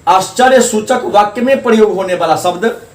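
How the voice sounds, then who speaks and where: A man with a high voice teaches a grammar lesson, going back over each definition and stretching his examples out slowly. He sounds a little far from the mic, in a room with a noticeable echo. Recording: echoey room, voice from a distance.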